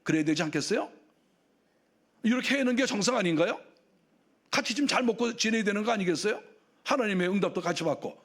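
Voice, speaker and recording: A man's voice: high voice, lively intonation, fast, long pauses, a bit bright. A male pastor preaching a sermon in a conversational way, full of rhetorical questions.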